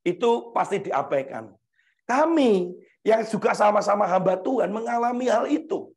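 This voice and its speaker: A middle-aged pastor from Indonesia delivers a sermon with a high, bright male voice. He preaches in an animated way, switching into little acted-out voices for the people he quotes. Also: moderate pace.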